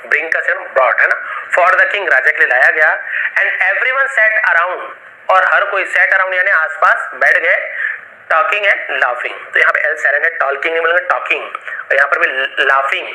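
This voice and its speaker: A man with an Indian accent teaching English, reading a story slowly line by line and explaining each word in Hindi. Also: on the high side, sharp tone, rough recording.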